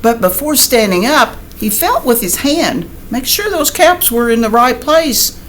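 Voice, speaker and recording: A woman with a high-ish voice and lively intonation reads a picture book aloud at an unhurried pace, like a teacher. She reads expressively and adds chatty asides and questions for young listeners, with a little hiss or hum in the recording.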